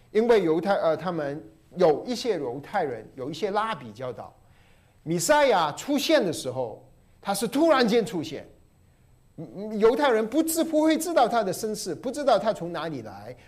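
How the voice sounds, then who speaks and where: A male preacher with a fairly high, very lively voice teaching through a passage. He repeats key phrases and swings from emphatic peaks down to soft, low murmurs. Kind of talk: sermon.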